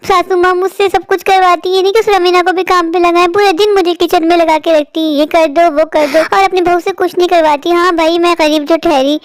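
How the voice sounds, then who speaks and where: A woman's voice: very high voice, steady tone, brisk, few pauses, no room sound. A woman voicing a poor, overworked young daughter-in-law who complains and pities herself in a cartoon story. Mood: self-pitying. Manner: complaining, self-pitying.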